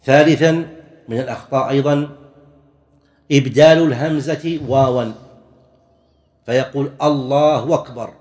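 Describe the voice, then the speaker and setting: A man delivering a classroom-style religious lecture at a mid-range pitch. He explains each point step by step in a measured, patient way, now and then clearing his throat or restarting a phrase as he goes. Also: darkish tone, big-room sound. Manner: measured, explanatory, demonstrates pronunciations. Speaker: religious teacher. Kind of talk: classroom lecture on worship rules.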